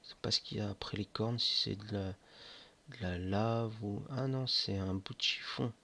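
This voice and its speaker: A man describing board game miniatures in a slow, hesitant casual commentary full of fillers. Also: fairly low pitch, steady tone, bright, forceful tone. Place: indoors at home near board games.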